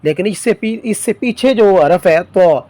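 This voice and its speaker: A man's voice: high-pitched, expressive, mellow, no echo. Patient man teaching Quran letters. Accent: Pakistani Urdu. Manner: patient, methodical explaining. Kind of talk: spelling-out lesson, slow drawn-out recitation of letters.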